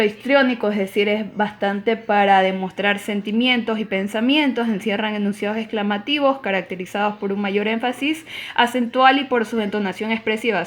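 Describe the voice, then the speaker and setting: A woman's voice: a little high, a bit bright. A woman teacher giving a recorded online class, explaining rules in an emphatic, explanatory way.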